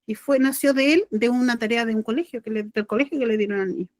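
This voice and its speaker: A middle-aged Chilean woman with a fairly high voice tells a personal story in casual spiritual talk. She rambles, restarts her sentences and speaks from the heart. Her voice sounds close and dry, with no room around it. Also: quick pace, no room sound. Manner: rambling, self-correcting, heartfelt. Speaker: spiritual channeler and podcast host.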